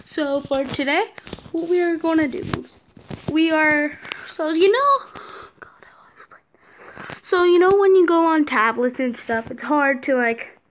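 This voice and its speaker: A YouTuber demonstrating apps walks through a casual tutorial in a high voice at a measured pace. She rambles and jokes, muttering asides under her breath, on a muffled recording with a little hiss or hum.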